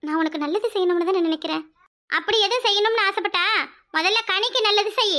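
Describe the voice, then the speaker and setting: A high-voiced performer playing a loyal, righteous young woman who speaks earnestly and firmly. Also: fast, sharp tone. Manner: earnest, then stern.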